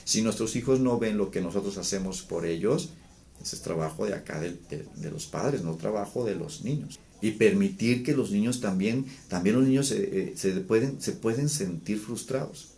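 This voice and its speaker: Deep-voiced man explaining parenting. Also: normal speed, gravelly. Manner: calm, explanatory, with many restarts and fillers. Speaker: psychologist. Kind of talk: talking to camera about parenting.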